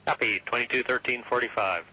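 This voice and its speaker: A man's voice: mid-range voice, bright, forceful tone, poor audio. A man making terse, procedural astronaut radio calls full of jargon, heard over a radio link. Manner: brisk, terse, uses jargon. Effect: radio transmission.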